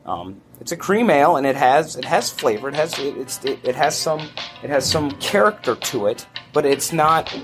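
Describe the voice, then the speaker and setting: A man who runs a brewery, talking as a guest in a relaxed, rambling way with enthusiastic restarts. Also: a little high, moderate pace, over music. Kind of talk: casual interview chat.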